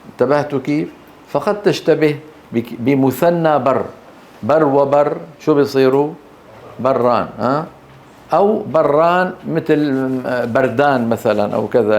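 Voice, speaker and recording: A man's voice: mid-range voice, normal speed, creaky, darkish tone. A man with a Levantine Arabic accent lecturing on Quran recitation rules. He keeps checking that his students follow, asking short questions and answering them himself. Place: teaching hall.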